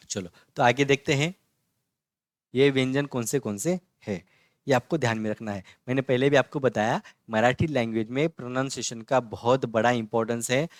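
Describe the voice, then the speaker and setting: Explaining letters on a board in an online Marathi lesson, this teacher speaks at a medium pitch. He is patient and repetitive, often asking "है ना?" ("isn't it?") and then answering it, and he spells every letter out slowly and distinctly. The sound is studio quality without room sound.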